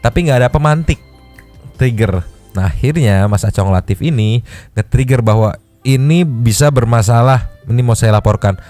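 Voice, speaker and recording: A man's voice: moderate pace, mellow. A man hosting a casual chat, reacting to clips with mocking commentary and laughing often. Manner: mocking, jumps high to imitate others, laughs often. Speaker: podcast host reacting to clips. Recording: music playing faintly behind.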